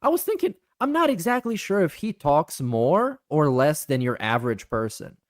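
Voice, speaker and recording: A man co-hosting a stream, chatting casually in an animated, rambling way. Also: fairly high pitch, moderate pace, no room sound, studio quality. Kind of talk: casual chat.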